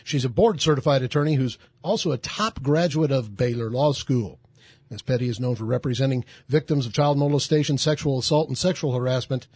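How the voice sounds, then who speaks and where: A man's voice: medium pitch, brisk, a little mellow, slightly rough, dry recording. A man hosting a studio talk show, delivering punchy, emphatic commentary and interviewing a guest.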